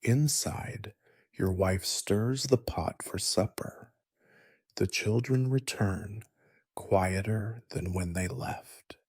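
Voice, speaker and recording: A man in a soft, breathy whisper, narrating a calm sleep story in slow, measured phrases. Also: lowish voice, dry recording, studio quality.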